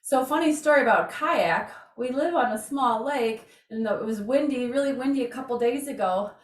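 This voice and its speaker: An exercise instructor, a woman, keeps up casual chat, counting and friendly, encouraging cues for her class. She talks at normal speed in a voice on the high side. The distant microphone picks up plenty of room echo.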